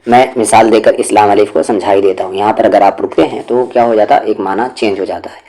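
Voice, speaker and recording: A man teaching Quran recitation rules, explaining patiently step by step and reciting verses slowly and melodically. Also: lowish voice, steady tone, dark tone. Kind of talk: explanatory tajweed lesson with recited examples.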